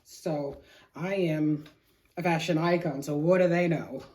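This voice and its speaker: A woman's voice: deep voice, fairly even intonation, measured pace, mellow. A middle-aged woman hosting a craft vlog, chatting casually in a rambling, slangy way with self-deprecating humor. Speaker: craft show host.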